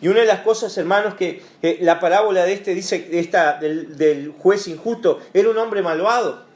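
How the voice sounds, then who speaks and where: Pastor teaching in an echoey church hall. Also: male voice, high voice, normal speed, a little mellow. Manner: conversational, many fillers and rhetorical asides. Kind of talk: Bible study teaching.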